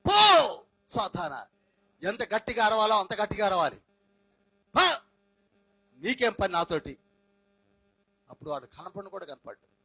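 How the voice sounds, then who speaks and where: A man preaching a Pentecostal sermon, firing questions at the congregation, swinging between shouts and quiet asides, dropping in English phrases. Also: sits high, breathy edge, no room sound, poor audio. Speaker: pastor.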